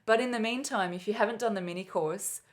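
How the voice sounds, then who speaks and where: A woman's voice: medium pitch, quick pace. A middle-aged Australian woman with a bubbly, enthusiastic manner, explaining music concepts in an online flute lesson. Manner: bubbly, enthusiastic, self-described nerd. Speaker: flute teacher.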